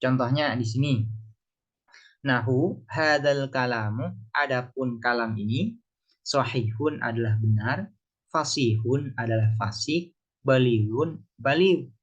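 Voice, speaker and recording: A man's voice: medium pitch, slow, pauses often, husky. A man with an ordinary mid-range voice gives a religious text lesson. He works through the text phrase by phrase, turning each Arabic line into plain speech and posing his own questions before answering them. The recording sounds a little dull and lo-fi. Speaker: religious teacher. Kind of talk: kitab study lesson, translating Arabic text.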